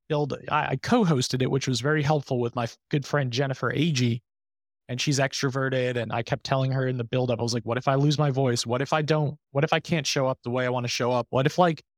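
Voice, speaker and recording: A man's voice: mid-range voice, no room sound, clean studio sound. Man talking openly on a podcast. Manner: open, reflective, speaks with many restarts and fillers. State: voice strained after surgery. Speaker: podcast guest. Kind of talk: candid conversational interview.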